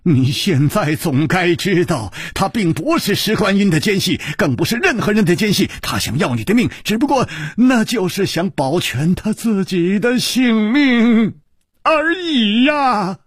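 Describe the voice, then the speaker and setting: A male storyteller voicing a desperate, furious young man who shouts in a hoarse, strained voice. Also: very high voice, wildly swooping pitch, moderate pace, dry recording, studio quality, pitched above the performer's own voice, heavily acted. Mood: angry. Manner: screaming hoarsely. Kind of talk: Chinese storytelling broadcast.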